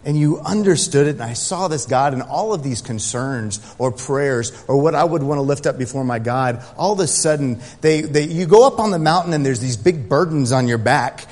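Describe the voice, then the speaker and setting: A man's voice: medium pitch, animated, moderate pace. A man preaching a sermon as pastor, speaking emphatically to his congregation. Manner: building from quiet prayer to loud, emphatic preaching. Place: church sanctuary. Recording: long hall reverb.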